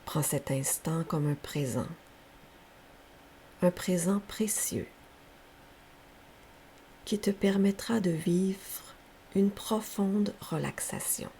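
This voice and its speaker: This yoga nidra teacher speaks very slowly in a soft, breathy, somewhat low voice, gently guiding a meditation with soothing, unhurried instructions. A faint steady hiss can be heard throughout.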